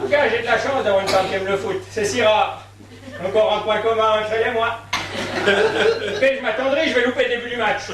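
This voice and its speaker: A rambling, half-deaf old husband, played by a man in a stage comedy, his voice pitched very high. He mishears and misunderstands everything. Heard from far off on an echoey stage, with noise behind. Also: steady tone, fairly quick, lightly acted. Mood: puzzled. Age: older. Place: theatre stage.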